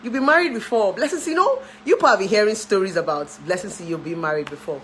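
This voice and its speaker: Nigerian woman, 30s, relationship therapist, chatty livestream, mid pitch, faint hum behind. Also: animated, fast, fairly bright tone, poor audio. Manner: chatty, laughs often, dips into pidgin. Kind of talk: casual chat to camera.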